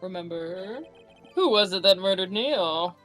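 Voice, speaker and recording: A woman's voice: mid-range voice, animated, a little slow, a bit bright, faint music behind. A woman voicing a smug, jovial middle-aged male police chief in a fan game playthrough, drawing out her lines in a teasing way.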